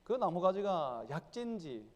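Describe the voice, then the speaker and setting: A man's voice: high voice, big pitch swings, unhurried. A man preaching a sermon as pastor, stressing his points and acting out the people's prayers in the voices of the crowd. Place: church sanctuary. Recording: church hall with long reverb.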